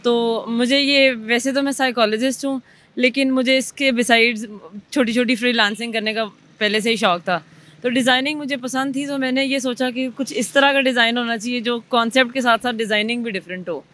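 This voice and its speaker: A woman's voice: fairly high pitch, fairly even intonation, a little fast, fairly bright tone. A young woman, answering thoughtfully and a little hesitantly in a street interview. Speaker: cart owner's wife and designer. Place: busy city street outdoors. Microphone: handheld mic held by interviewer.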